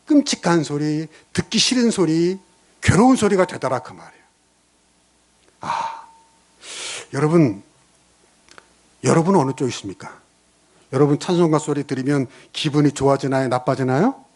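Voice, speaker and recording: A man's voice: a little high, moderate pace, pauses often. A middle-aged male pastor preaching a sermon, telling stories and putting questions to his congregation. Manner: animated, storytelling, rhetorical questions to the congregation.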